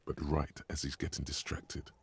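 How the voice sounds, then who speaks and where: A man voicing the game's inner narrator, calm and matter-of-fact. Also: very deep voice, normal speed, slightly rough, exaggerated voice. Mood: ominous.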